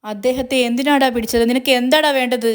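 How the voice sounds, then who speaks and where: A woman's voice: high-pitched, fairly even intonation, fast talker, pitched above the performer's own voice, lightly acted. A woman voicing a young woman who pleads and argues on the phone in distress. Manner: pleading, upset, defiant.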